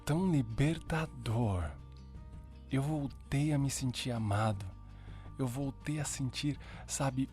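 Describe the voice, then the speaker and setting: A man's voice: medium pitch, a little mellow. A man giving a casual, heartfelt personal faith testimony as a podcast host, full of slangy fillers.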